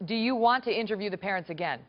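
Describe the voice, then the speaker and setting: A woman's voice: mid-range voice, quick pace, dull audio. A woman as a news anchor in a live TV interview, pressing her guest with persistent questions.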